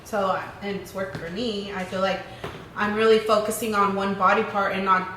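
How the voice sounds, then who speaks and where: A woman's voice: mid-range voice, flat delivery, normal speed, sharp tone, far from the mic. Co-host, woman, chatty and teasing, mid-range voice, recorded with a lot of room reverb and a faint hiss. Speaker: co-host asking questions. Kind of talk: casual Q&A chat. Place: indoor lounge room. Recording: echoey room.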